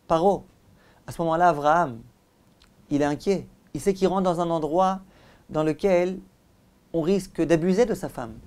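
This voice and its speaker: A rabbi teaches a Torah class in a didactic, emphatic way, posing rhetorical questions and repeating points for emphasis. His phrase endings drop softly, and his voice is a little high.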